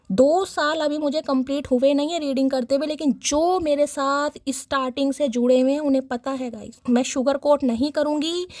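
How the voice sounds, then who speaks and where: Woman, tarot reader, high pitch, dry sound, playful sarcasm, chatty, talks to viewers. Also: a little mellow, dry recording. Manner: affectionate address to audience. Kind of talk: chatty collective tarot reading.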